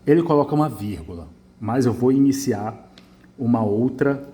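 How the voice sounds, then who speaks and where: A man with a Brazilian accent teaching an essay-correction lesson, emphatic and lively, repeating his points as he marks the page. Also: medium pitch, normal speed. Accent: Brazilian Portuguese. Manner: lively, emphatic, repeats phrases while writing. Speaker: writing teacher.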